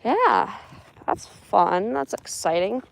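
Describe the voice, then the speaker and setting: A woman's voice: mid-range voice, sing-song, takes it slowly, creaky, slight background noise. A woman vlogging as she walks through a burned cemetery outdoors, talking to herself with dry, sarcastic asides. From Spokane, US. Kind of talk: casual vlog narration while walking.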